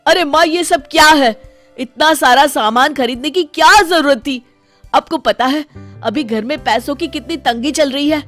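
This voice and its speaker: A woman's voice: high voice, normal speed, a bit bright, faint music behind, voice pushed up. A woman voicing an irritable young husband who keeps losing his temper in a cartoon story. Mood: dismayed. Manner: exasperated outbursts. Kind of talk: cartoon voice acting.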